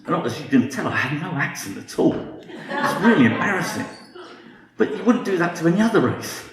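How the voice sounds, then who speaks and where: A man's voice: fairly high pitch, echoey room, a little hiss or hum. A British man in his fifties giving a humorous talk with dry, self-mocking wit. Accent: British English. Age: 50s. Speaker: guest speaker.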